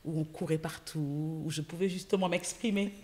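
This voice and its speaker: A woman from Senegal, a guest entrepreneur, telling stories in a casual interview, lively, with many fillers. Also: sits low, moderate pace. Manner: lively storytelling with frequent fillers. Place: podcast studio.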